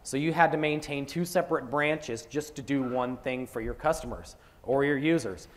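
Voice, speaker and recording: A man's voice: mid-range voice, normal speed. Upbeat man presenting a tech demo. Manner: enthusiastic, joking asides. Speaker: conference presenter.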